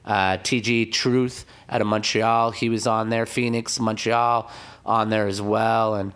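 Hoarse man, slangy and low. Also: flat delivery, unhurried. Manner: slangy, hyped, full of shout-outs. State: hoarse, raspy throat. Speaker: DJ guest. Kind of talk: casual podcast chat.

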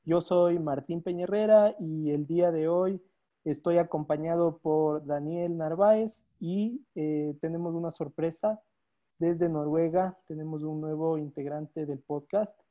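A man's voice: a little high, steady tone, measured pace, dull audio. A man hosting a podcast in casual chat, with friendly, brief interjections. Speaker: podcast host.

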